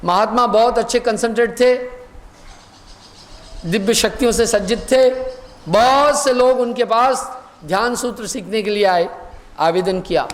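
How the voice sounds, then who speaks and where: High-voiced man preaching in a hall. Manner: storytelling, acts out dialogue, slow recited verse. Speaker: spiritual teacher. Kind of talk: sermon with a told parable.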